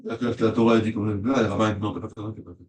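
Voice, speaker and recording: A man's voice: fairly low pitch, flat delivery, rapid-fire, a little mellow, reverberant. A male student in a class discussion, talking hesitantly and restarting his sentences.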